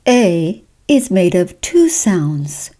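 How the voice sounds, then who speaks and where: A woman's voice: fairly low pitch, very animated, very slow, mellow. A woman with a standard American accent narrating a scripted pronunciation lesson as a coach.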